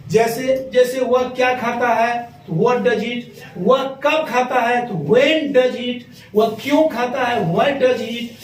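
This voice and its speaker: A man teaches an English grammar lesson in a very high voice, repeating key terms and walking learners through each step. He sounds set back from the microphone. The room around him is echoey. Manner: explains step by step, repeating key words and asking learners to follow. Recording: echoey room, voice from far off the mic.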